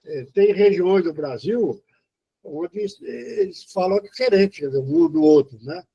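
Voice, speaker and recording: A man from Brazil giving an informal spoken lesson on poetry, halting and explanatory, with many fillers and restarts. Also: sits high, warm tone, breathy edge. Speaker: poetry teacher. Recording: dull lo-fi recording.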